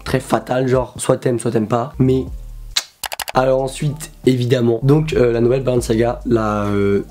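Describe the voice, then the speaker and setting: A man's voice: mid-range voice, little pitch movement, normal speed, mellow, faint music behind. A young man from France, sick at the moment, chatting casually and rambling with slang and fillers as he reviews sneakers for his channel. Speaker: YouTuber.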